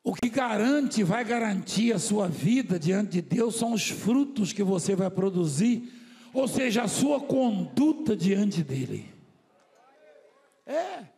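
A man from Brazil preaches to his congregation in a high, slightly husky voice. He lingers on key words and drops to near-whispers for his asides. The sound rings out with a long hall echo. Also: sing-song. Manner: slow emphatic preaching, swinging from loud declarations to soft asides; acts out the voices of people in his stories. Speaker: apostle preaching to his church. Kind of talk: sermon.

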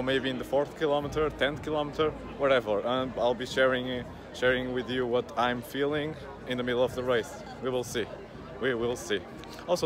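A man in his twenties talking casually to camera, filming himself outdoors on a phone held at arm's length. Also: medium pitch. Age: 20s. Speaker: vlogger. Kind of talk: casual vlog talk to camera. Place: outdoors by a road. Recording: noisy outdoor handheld phone recording.

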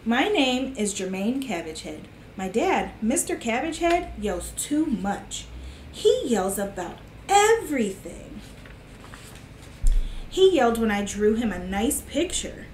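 In a slow, sing-song voice that is a little high and darkish in tone, a middle-aged woman reads a picture book aloud for a children's storytime aimed at kids and their parents. The setting is a sofa in a small living room indoors, recorded in an echoey space with faint hiss.

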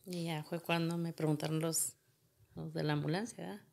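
Low, gravelly woman. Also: fairly even intonation, a little fast, darkish tone. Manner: retells events with much reported dialogue. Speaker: guest. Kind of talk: emotional personal storytelling.

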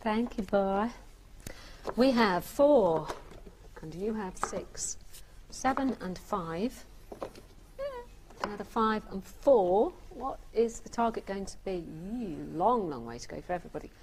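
Brisk female quiz co-presenter. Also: medium pitch, lively intonation, darkish tone, slight background noise. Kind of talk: game show numbers presenting.

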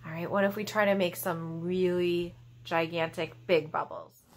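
This woman in her thirties, a library storytime host, presents to children in a playful, encouraging, exaggerated style from a small home room. She speaks at normal speed in a lowish voice with fairly even intonation, over slight background noise.

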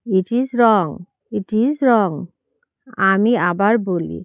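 A woman leading English phrase drills for learners. She says each line in Bengali, then repeats it slowly in English. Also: medium pitch, no room sound, clean studio sound. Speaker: English teacher.

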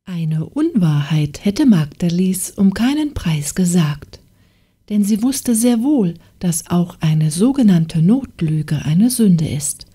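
A woman narrating a fairy tale audiobook in a calm, measured storytelling manner. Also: lowish voice, breathy edge. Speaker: audiobook reader.

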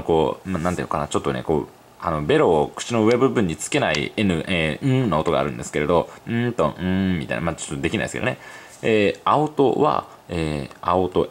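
A man reading an online article aloud to his channel and breaking off to comment, musing with many fillers when he goes off script. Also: lowish voice. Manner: reads at a brisk clip, then muses aloud with many fillers. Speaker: YouTube commentator.

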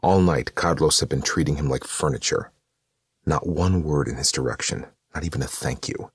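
A man narrating an audiobook in a measured storytelling manner. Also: rumbling low, husky, no room sound, studio quality. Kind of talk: scripted narration.

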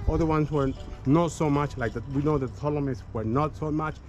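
A man's voice: on the high side, fairly even intonation, a little fast, a little mellow, soft background music, poor audio. A man giving a casual history talk as a tour guide, chatty, often calling listeners "guys" and restarting his sentences, recorded outdoors on a city street by a camera mic. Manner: chatty, addresses listeners as "guys", many "okay" and "right" tags; frequent restarts and small laughs.

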